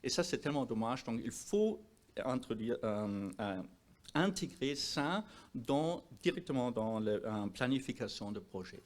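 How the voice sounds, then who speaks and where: A man with a foreign accent, a non-native speaker of French, giving a presentation as a doctor, emphatic and sometimes halting as he searches for words. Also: mid-range voice, expressive. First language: not French. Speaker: doctor presenting at a health conference. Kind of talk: presentation to an audience.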